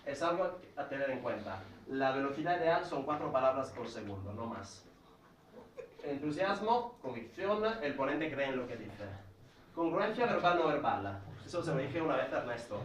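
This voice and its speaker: A man's voice: mid-range voice, sing-song, normal speed, a little hiss or hum. A man from Italy with an Italian accent gives an educational talk at a speaking club, methodically listing points and explaining each with examples. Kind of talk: educational talk to a live audience. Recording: echoey room, recorded from a distance.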